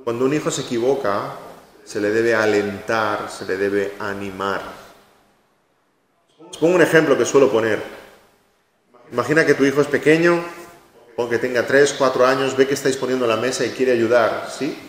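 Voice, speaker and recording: A male pastor preaches with emphasis, repeating his main points and playing out brief quoted lines. His mid-pitched voice rings through a large church hall with a long, lingering reverb. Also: normal speed, pauses often. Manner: emphatic preaching, repeats key phrases, acts out little quotes. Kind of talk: sermon.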